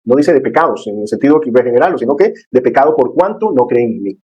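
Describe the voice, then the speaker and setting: Brief: quick, mellow-voiced church teacher, earnest, full of tag questions. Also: male voice, medium pitch, animated, slightly rough, muffled recording. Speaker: discipleship class teacher.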